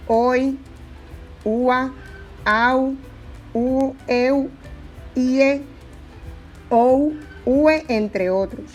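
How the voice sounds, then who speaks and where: Slow, high-voiced woman teaching grammar. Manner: patient, repeats and spells out examples. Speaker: Spanish teacher. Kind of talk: explanatory grammar lesson.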